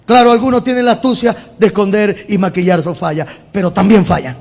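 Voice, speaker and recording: A man's voice: high voice, brisk, vocal fry. A male pastor, giving a sermon in a conversational style that repeats words. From Venezuela. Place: church. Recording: long hall reverb in church.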